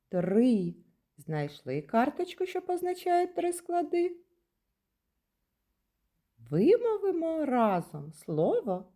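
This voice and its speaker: A woman from Ukraine teaches small children in a slow, carefully spaced lesson. Her voice is mellow and warm, and it rises and falls in a lively, sing-song way. She draws out and stresses words so the children can repeat them. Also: a little high. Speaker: kindergarten teacher. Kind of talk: slow, clearly articulated lesson for young children.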